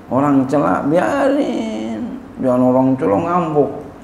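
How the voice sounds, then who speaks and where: A male Islamic cleric gives a religious study lecture in casual street slang, joking, and swinging from loud exclamations to soft asides. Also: fairly high pitch, big pitch swings, takes it slowly, creaky. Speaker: Islamic cleric teaching a classical text. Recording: roomy long reverb, faint hum.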